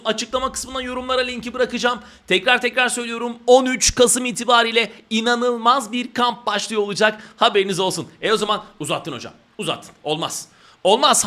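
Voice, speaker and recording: A male teacher giving an exam prep grammar lesson, animated and exclaiming, with teasing rhetorical questions to his students. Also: very high voice. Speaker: Turkish teacher.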